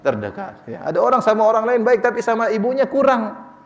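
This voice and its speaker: A quick-talking man preaching in a sermon Q&A, his slightly raised voice ringing in a long reverberant hall. He moves briskly, acting out little bits of dialogue. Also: high voice, dull audio. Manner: lively, acts out quoted dialogue, chuckles. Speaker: preacher answering questions.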